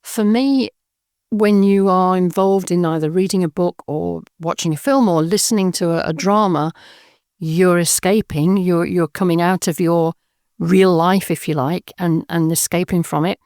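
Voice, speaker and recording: Chatting casually in an interview, this Birmingham-born woman in her sixties, who writes and directs audio dramas, speaks thoughtfully, often saying um and repeating words. Her fairly low, slightly mellow voice has fairly even intonation and a normal speed, captured in clean studio quality without echo.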